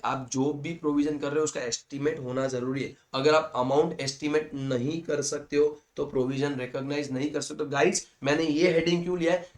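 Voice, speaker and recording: A man with a slightly high voice teaches accounting, mixing Hindi and English. He reads each definition slowly, then explains it quickly in plain words. He keeps calling his students "guys" and repeats the main points. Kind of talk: lecture explaining slides.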